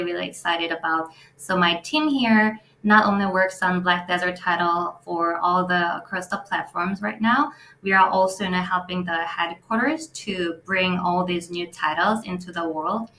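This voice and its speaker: A Korean-accented woman in her forties speaks as a guest in a fireside chat, earnest and unhurried, often pausing on fillers. Her voice is bright and forceful. The room adds a noticeable echo with a faint hiss of noise. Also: on the low side. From South Korea. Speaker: CEO guest.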